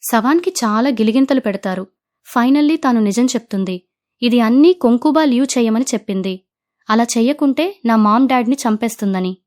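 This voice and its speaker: A woman narrates a drama recap with a somewhat high voice. She quotes the characters' lines in her own steady storytelling voice rather than acting them out. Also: a little fast. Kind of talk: retelling a drama plot.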